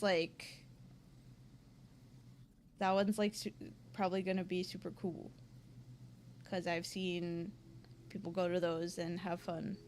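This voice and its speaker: A woman's voice: fairly low pitch, slight background noise. A young woman streaming and chatting casually with her viewers, full of slang and filler words.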